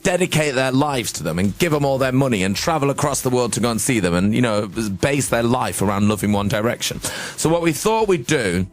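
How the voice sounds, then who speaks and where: A man's voice: fairly quick, few pauses, soft background music. A young man hosting a radio breakfast show, chatting casually and joking with his team in the studio. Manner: chatty and joking, with lively pitch swings.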